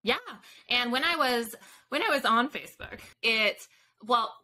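Speaking from a bookshelf-lined room on a video call, this author in her thirties is a casual interview guest on a podcast. Her voice is a little high and sharp-toned, and she takes her time. She's informal, often drifting and rewording as she goes.

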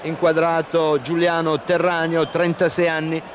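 Even-toned male football commentator, noisy broadcast. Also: a little high, unhurried. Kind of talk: live TV football play-by-play commentary. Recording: noisy old 1990 TV broadcast.

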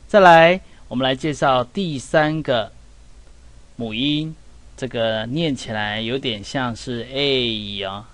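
A middle-aged man giving a relaxed English pronunciation lesson in Mandarin. He talks in a chatty way and keeps asking the class "right?" and "see?". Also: medium pitch. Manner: chatty, with many "哈" and "有没有" asides. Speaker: English teacher.

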